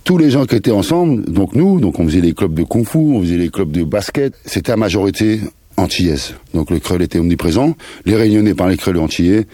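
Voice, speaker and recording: A man in his fifties, a musician from the Paris suburbs, chats as a guest in a casual interview, rambling in slang with bits of Creole mixed in. His voice sits low with a dark tone and lively intonation, and he talks fast. The recording is clean studio sound with no echo.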